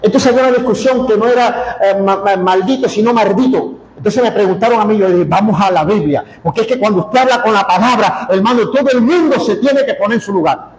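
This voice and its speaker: A man's voice: sits high, fast talker, reverberant, slight background noise, rough recording. A man from Colombia preaching a sermon as pastor, folksy and joking, with emphatic repetitions.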